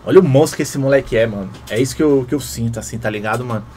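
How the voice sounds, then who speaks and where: A man hosting a music reaction video, talking casually and excitedly in heavy slang. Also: medium pitch, very fast, a little hiss or hum. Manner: excited, slangy, keeps saying "mano". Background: hip hop track playing faintly.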